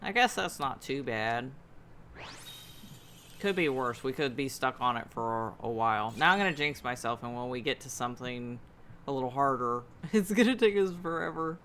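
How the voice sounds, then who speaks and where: A man's voice: mid-range voice, animated, normal speed, a bit bright, a little hiss or hum. A man giving casual gameplay commentary, chatty and talking to viewers, laughing often. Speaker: let's play host.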